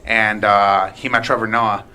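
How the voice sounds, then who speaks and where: A man in his late twenties, an aspiring comedian guesting on a podcast, tells stories in a casual, profane, rambling way with many restarts. His voice is fairly low, level and unhurried, yet pushed and bright, with a clean tone.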